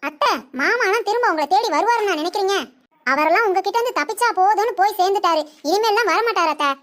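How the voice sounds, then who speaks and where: A woman's voice: very high-pitched, lively intonation, fast talker, fairly bright tone. A woman voicing a dry-witted daughter-in-law. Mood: dismissive. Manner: dismissive, matter-of-fact.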